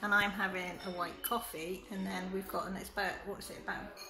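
A woman's voice: medium pitch, little pitch movement, a little fast, roomy sound. A middle-aged woman chatting casually to camera in a family vlog, tired out from a walk. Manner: chatty, chirpy, rises into a sing-song voice for the dogs. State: worn out from walking. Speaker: vlogger, mother. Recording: noisy background.

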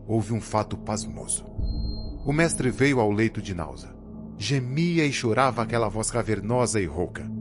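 Male narrator, dramatic audiobook reading, lively pitch, clear background music. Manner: expressive, dark storytelling.

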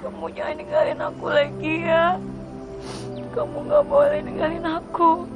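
A woman's voice: very high-pitched, sing-song, normal speed, muffled recording. An actress playing a young wife who turns her husband away, then tearfully begs him to stay. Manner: sulky and dismissive, turning to tearful pleading. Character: young wife Sheila, stubborn then desperate. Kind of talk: TV film acting. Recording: film soundtrack with loud music behind.

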